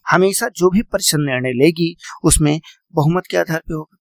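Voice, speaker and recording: A man's voice: on the high side, moderate pace, no echo. A man teaching a classroom lecture, repeating key points, quizzing his students and calling them "beta".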